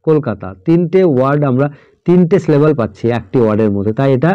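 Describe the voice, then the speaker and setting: At a patient pace, a man teaches English grammar to students, spelling words letter by letter and often asking "all right?" to check they follow. His mid-range voice has lively intonation and a clean tone, and he talks fast. The dry, close recording sounds dull and lo-fi.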